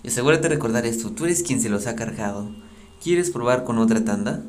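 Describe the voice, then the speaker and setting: A man's voice: mid-range voice, lively intonation, brisk, natural voice. A man reading out a sly blackmailer's lines from a game's phone call, in a taunting, smug way. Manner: taunting, smug, reads game text aloud. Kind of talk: reading game dialogue aloud.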